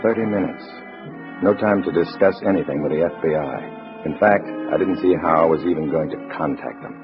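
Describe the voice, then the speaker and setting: In a 1950s radio drama, a male narrator and lead actor with an American accent and an extremely low voice plays a wary undercover agent posing as a loyal party comrade. His first-person narration is measured, clipped and hard-boiled, grim and tense in mood. The vintage recording is muffled, with music.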